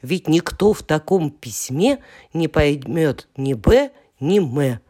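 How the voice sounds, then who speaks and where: A woman's voice: deep voice, animated, slow pace, mellow, husky, exaggerated voice. A woman voicing the whole alphabet as a chorus of letters in a storybook poem, lecturing in a scolding, reasonable way.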